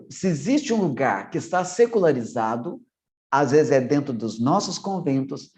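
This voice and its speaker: A priest with a Minas Gerais accent lecturing religious formators, talking fast and a little anxiously, swallowing syllables and stumbling over words. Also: male voice, fairly high pitch, darkish tone. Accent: Minas Gerais Brazilian Portuguese. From Minas Gerais, Brazil. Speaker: priest and theology professor giving a formation talk. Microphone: video call.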